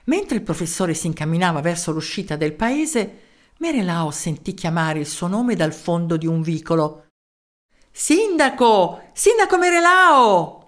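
A woman narrating a children's story in an expressive storytelling manner. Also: on the low side, normal speed.

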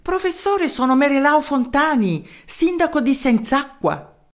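A woman's voice: high voice, very animated, measured pace, voice pushed up, full character voice. A woman voicing an earnest male village mayor who talks politely and insistently in a raised voice. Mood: eager.

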